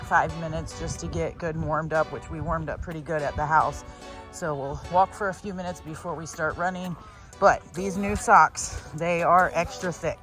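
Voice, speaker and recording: A woman chatting casually to her vlog viewers. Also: on the low side. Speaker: vlogger.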